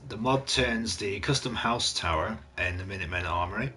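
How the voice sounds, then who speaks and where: Deep-ish guy going thru game mods, offhand and blunt, voice getting a bit worn, faint hiss behind. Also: brisk, bright, forceful tone. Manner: off-hand, reads descriptions aloud with blunt asides. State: voice starting to go. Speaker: gaming channel host. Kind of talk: casual mod review commentary.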